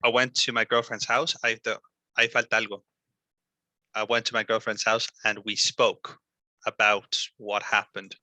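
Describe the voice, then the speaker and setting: A man teaching English in a speaking lesson, patiently explaining in Spanish and modelling English phrases slowly. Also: lowish voice, little pitch movement, bright, forceful tone, no echo.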